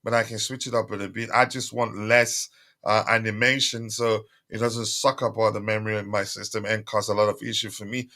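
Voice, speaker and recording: The voice is a man's, on the low side, with little pitch movement, a sharp tone, and a slightly fast pace. He hosts a casual stream, reading viewers' comments and chatting with many fillers while repeatedly calling for likes. A slight strain shows in his recovering voice.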